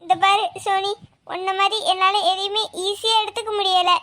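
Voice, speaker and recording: A woman's voice: extremely high pitch, flat delivery, moderate pace, sharp tone. A woman doing a tearful, meek young wife. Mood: sad. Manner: sad, tearful.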